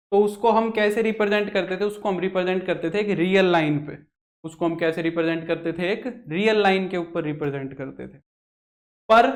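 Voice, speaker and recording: Young male maths tutor, high voice, repetitive board lecture full of questions he answers himself. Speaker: maths teacher.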